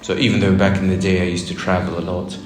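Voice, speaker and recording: A man speaks in a very low voice, wandering through his answers with many "uh"s. The room is echoey, and soft music plays behind him. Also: flat delivery, fast talker. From East London. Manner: rambling, hesitant with frequent "uh". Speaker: English teacher. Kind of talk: casual interview answers.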